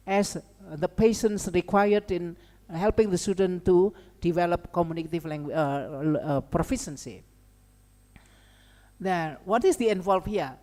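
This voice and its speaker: A woman with an Indonesian accent delivers an academic lecture as a seminar speaker and language educator, her mid-range voice warm in tone. She keeps it conversational with informal asides, often checking in with short tags like "okay" and "right." The recording carries a long hall reverb.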